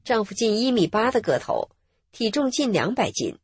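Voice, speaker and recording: A woman calmly narrating her own story in a measured, scripted radio reading. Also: a little high, breathy edge, no room sound.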